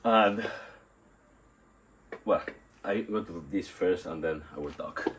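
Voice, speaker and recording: A sick, nauseous man records a casual unscripted workout vlog on a phone mounted on a tripod, outdoors in a still yard under a tarp. His very deep voice has a fairly bright tone, and he rambles haltingly, repeating himself and searching for words. The audio is poor, with noticeable background noise.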